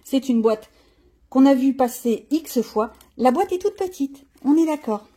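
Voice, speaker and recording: Husky-voiced chatty woman showing art supplies. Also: sits high, lively intonation, measured pace, mellow. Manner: chatty, rambling, thinks aloud while demonstrating; frank, slangy asides. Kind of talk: casual show-and-tell chat.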